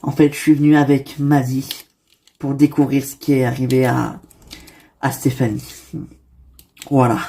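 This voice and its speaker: A woman's voice: extremely low pitch, flat delivery, unhurried, long pauses, mellow, slight background noise. A woman voicing a young man who hesitantly confesses his love, in a toy-figure soap drama. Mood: confessing. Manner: hesitant, full of fillers.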